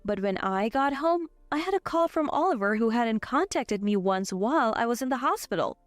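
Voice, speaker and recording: In her twenties, this young woman narrates a first-person story in a scripted, even, steady manner at a moderate pace. Her fairly high voice sits close to the mic, sounding dry with no echo, while soft music plays underneath.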